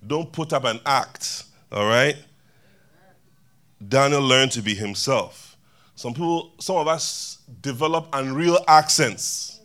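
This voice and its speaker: A man's voice: mid-range voice, takes it slowly, a bit bright. A man preaching a sermon to a church congregation in a loose, conversational way, joking and chatting with the people in the pews. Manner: conversational, laughing, banters with congregation.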